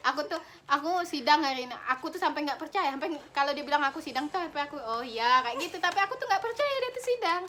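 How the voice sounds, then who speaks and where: Young woman, high bright voice, animated chatty storytelling, light background noise. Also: quick pace, hardly any pauses. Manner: animated, acts out quotes, laughs often. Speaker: friend telling a story. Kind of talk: casual storytelling chat.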